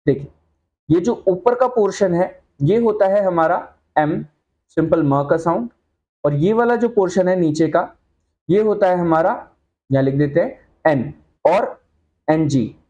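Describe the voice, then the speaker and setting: Mellow-voiced male shorthand teacher. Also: high-pitched, animated, highs cut off. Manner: patient, checks understanding with repeated questions; spells out example sounds slowly. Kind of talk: whiteboard lesson explanation.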